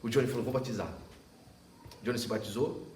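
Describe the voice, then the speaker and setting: A man's voice: mid-range voice, steady tone, fast talker, a little mellow, a little hiss or hum. A man preaching a sermon as pastor, telling a story and acting out the dialogue, laughing often. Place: church service. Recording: echoey church from a distance.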